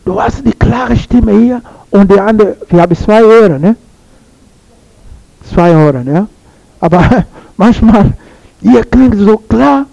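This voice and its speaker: A man delivers a sermon in an unusually high, gravelly voice. He speaks slowly and deliberately. He repeats his phrases and keeps asking the congregation questions. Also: a little mellow, poor audio. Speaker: preacher.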